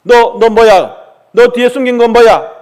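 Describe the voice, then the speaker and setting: A man voicing an angry rural father who shouts and scolds his son, bellowing in a high, loud voice. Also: unhurried. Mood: furious. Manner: bellowing, furious.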